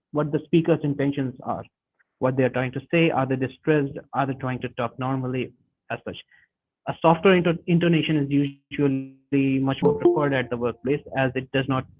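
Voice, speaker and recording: Halting man lecturing over tinny audio. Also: fairly high pitch. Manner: halting, frequent restarts and self-corrections. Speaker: webinar presenter. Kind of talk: lecture on workplace communication. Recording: tinny phone-like webinar audio.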